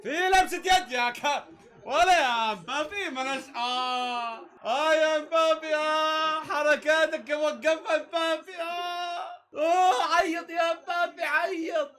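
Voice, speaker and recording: Man, very high voice, shouty football reaction host, excitable and jeering. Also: a little slow. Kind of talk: live football match reaction.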